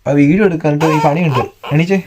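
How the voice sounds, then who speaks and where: A man vlogging at home while pranking his wife, in a quick, teasing way. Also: on the high side, a little mellow, a little hiss or hum. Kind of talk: casual home vlog, teasing.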